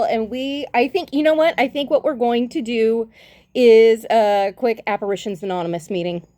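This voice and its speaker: Slow-talking chatty woman, higher voice. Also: darkish tone, dry recording. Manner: chatty, affectionate, rambling. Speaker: tarot reader. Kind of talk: casual livestream chat. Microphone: phone.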